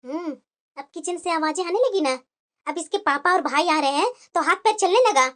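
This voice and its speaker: A woman voicing a sharp-tongued, nagging mother-in-law in a cartoon. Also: very high-pitched, normal speed. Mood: sneering. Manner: taunting, nagging. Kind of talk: cartoon voice acting.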